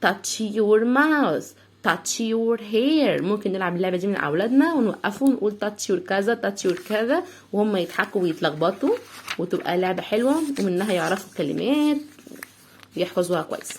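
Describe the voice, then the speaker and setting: A young woman with an Egyptian Arabic accent teaches a kindergarten English lesson. She sounds words out slowly and repeats each syllable. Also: medium pitch, expressive, a little mellow, slight background noise.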